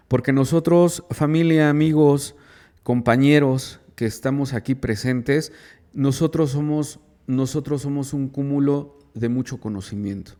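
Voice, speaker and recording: A man's voice: mid-range voice, a little mellow. Man lecturing with rhetorical questions. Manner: repeats phrases, restarts, checks in with "¿sí?"; emphatic, rising rhetorical questions. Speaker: psychologist giving a radio talk. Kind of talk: informal lecture to a recovery group.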